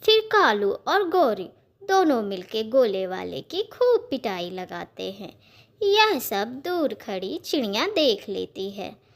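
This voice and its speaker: Woman narrator, children's cartoon, slow, lively, high voice. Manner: plain, measured.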